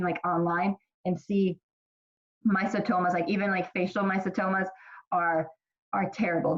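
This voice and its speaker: A woman from Ethiopia giving a casual college microbiology lecture, chatty, with many fillers and restarts. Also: mid-range voice. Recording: slightly dull lo-fi lecture recording.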